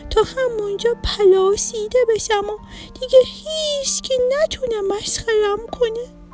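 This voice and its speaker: A woman voicing a shy, sad little broccoli child in a storybook, in a high, small, wavering voice. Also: a little mellow, distant mic, faint music behind.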